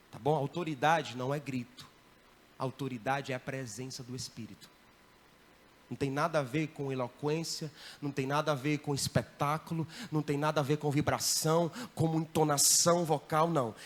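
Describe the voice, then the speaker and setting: A man, a missionary giving a lively church training talk and often checking in with the audience. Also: on the high side. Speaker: missionary teaching evangelism. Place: church hall.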